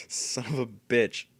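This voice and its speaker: This gameplay streamer has a mid-range voice, recorded with no room sound. He plays a stealth game and comments casually, swearing, letting out frustrated outbursts and laughing at his own failures.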